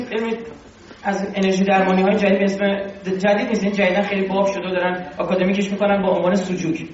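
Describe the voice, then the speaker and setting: A man giving an informal religious lecture, animated and conversational, full of rhetorical questions. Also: high voice, a little hiss or hum. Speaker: religious teacher. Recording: very echoey, distant and dull.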